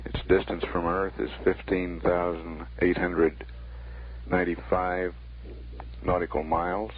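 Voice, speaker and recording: Male mission control announcer, extremely deep and monotone, deadpan factual updates on a tinny 1960s broadcast line. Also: unhurried, husky. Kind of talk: formal spaceflight status commentary. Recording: narrow 1960s broadcast line, faint noise.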